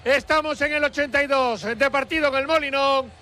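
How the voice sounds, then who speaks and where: A man calling a football goal excitedly for radio, stretching out his words. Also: very high-pitched, brisk. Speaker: football commentator. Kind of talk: drawn-out excited goal call.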